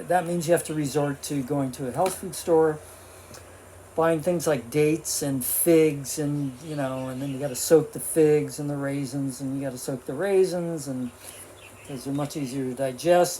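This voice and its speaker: A man's voice: fairly high pitch, steady tone, normal speed, warm tone, slight background noise. Rambling man in his seventies. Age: 70s. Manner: rambling, with many fillers and restarts; talking with his mouth full while eating. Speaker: vlogger. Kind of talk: casual vlog monologue.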